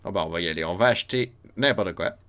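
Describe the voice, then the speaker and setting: A man's voice: low voice, quick pace, a bit bright. A man with a Quebec French accent giving casual, chatty commentary while playing an old role-playing game, laughing often and talking to his chat. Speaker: streamer playing a retro RPG. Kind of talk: casual let's-play commentary.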